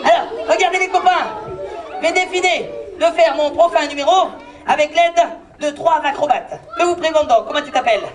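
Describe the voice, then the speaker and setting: A woman performing as a clown for children, playfully bossing her volunteer helpers and breaking into comic yelps and shouts. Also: sits high, normal speed, a faint crowd. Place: large indoor hall with a live audience. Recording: live hall recording with loud audience noise.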